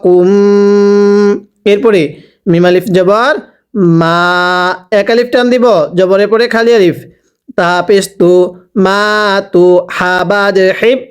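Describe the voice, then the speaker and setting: A man teaching Quran reading, spelling out each letter and vowel mark slowly, then asking the listener to repeat after him. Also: high-pitched, clean tone. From Bangladesh. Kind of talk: slow spelling-out recitation lesson.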